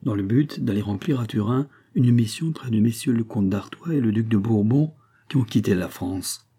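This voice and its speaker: A grave, loyal count, measured and earnest in every line, as a man with a husky voice reads him. The tone is formal and dark, in the slow manner of a storybook narration. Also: fairly low pitch.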